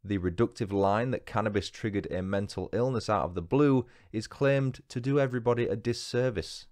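A man's voice: fairly low pitch, brisk, a little mellow. A man with a Northern English accent hosting a true crime podcast, reading his script with dry, wry asides. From England. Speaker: podcast host.

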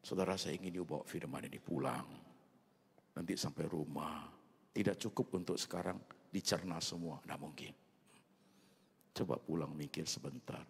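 A man preaching a sermon as a pastor, mixing in English phrases and swinging between loud bursts and soft near-whispers. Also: deep voice, gravelly, slightly rough. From Indonesia. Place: large church hall. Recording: long reverb of a large church hall.

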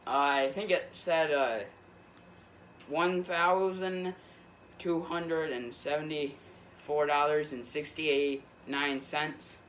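A teenage boy makes a prank call, speaking politely and hesitantly in a casual phone chat. His voice is on the high side, a bit bright, steady, and slow. It was captured on a room camera in a small indoor space with faint background noise.

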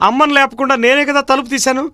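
An actor playing a young, lovestruck younger brother in a dubbed film, teasing and defensive. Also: male voice, very high voice, little pitch movement, rapid-fire, pushed and bright, no room sound. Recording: film score underneath.

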